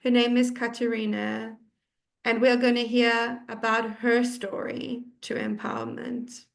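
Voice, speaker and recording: A woman hosting an interview series, introducing it with earnest conviction. Her voice sits a touch high with a gravelly edge. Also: flat delivery, a little slow. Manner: earnest, mission-driven delivery. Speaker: host and founder of the series.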